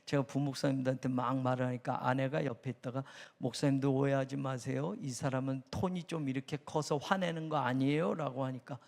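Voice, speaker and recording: A man preaching a sermon as pastor, animated and at times loud and emphatic. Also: brisk, creaky, few pauses, in a large hall. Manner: talks about his own high excited tone.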